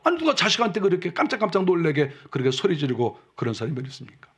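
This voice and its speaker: A male pastor preaching a sermon in a conversational way, full of rhetorical questions, and dropping his voice low and soft when he acts out quoted speech. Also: huge pitch swings, very fast, husky. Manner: acts out quotes softly and lower.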